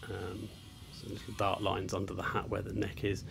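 Over music, a man with a low voice and vocal fry explains an ink sketching demonstration at normal speed, his delivery completely flat. He is an art teacher seated on rocks outdoors on a beach, talking hesitantly with many fillers and restarts.

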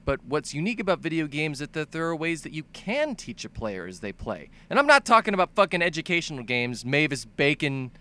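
A young man, a video game commentator, narrates a comedic scripted video essay about games. His voice sits on the high side, pushed and bright, and he rants in an exaggerated way full of swearing.

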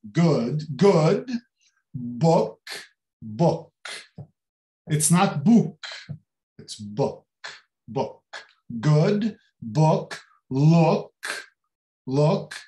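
A man with a European Portuguese accent teaching English pronunciation in an online lesson, repeating and drilling words slowly. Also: fairly high pitch, lively intonation, dark tone, roomy sound.

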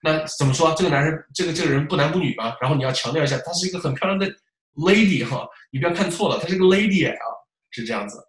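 A man teaching test preparation in a lecture style, animated, asking rhetorical questions and demonstrating examples aloud. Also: fairly high pitch, very fast. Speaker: English test prep teacher. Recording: roomy echo.

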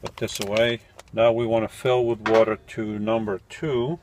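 At night in a small, cluttered van, a van-life vlogger in his forties brews coffee and explains it casually to the camera. His voice is on the low side, darkish and level, at a moderate pace, with slight background noise. He thinks aloud, seems mildly puzzled, and corrects himself.

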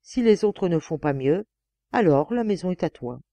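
A woman's voice: lowish voice, lively intonation, moderate pace, warm tone, dry recording. A woman reading as a fair-minded old father. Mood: approving. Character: old father, fair and undecided, proud of his sons.

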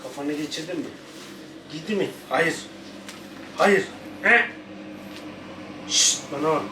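A slightly high-voiced man runs a casual pet vlog at home, trading friendly asides with viewers for quick scolding of his dog. He sits back from the mic in an echoey room with a faint hiss underneath. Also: distant mic. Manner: playful, jumps between chatty asides and sharp scolding of the dog. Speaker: pet vlogger.

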